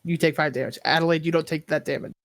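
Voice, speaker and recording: A woman acting as game master, calling out rolls and results in a brisk, matter-of-fact way. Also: deep voice, fairly even intonation, no room sound, clean studio sound. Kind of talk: narrating a tabletop game.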